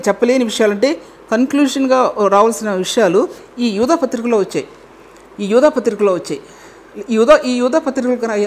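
A woman's voice: mid-range voice, a little mellow. A woman preaching a sermon and closing in prayer, earnest and repeating key phrases for emphasis.

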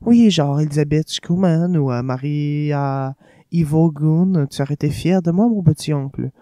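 A man's voice: fairly high pitch, a little slow, dark tone, dry recording, natural voice. A man voicing a chatty, giddy young woman who gushes about her singing. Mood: gushing. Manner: chatty, gushing.

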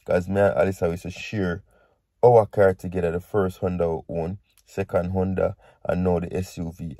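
A man's voice: fairly low pitch, warm tone, dry recording, clean studio sound. A man with a Jamaican accent talking casually to viewers as a vlog host, explaining things conversationally and often checking that they follow. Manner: conversational, repeats points and checks in with "right?" and "you see".

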